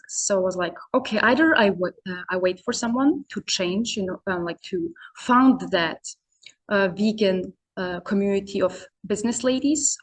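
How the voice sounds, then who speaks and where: A young adult woman from Serbia, an English speaker, talking in a casual interview as a podcast guest, full of hesitant fillers like "you know" and "um". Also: mid-range voice. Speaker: podcast guest, founder of an online business community.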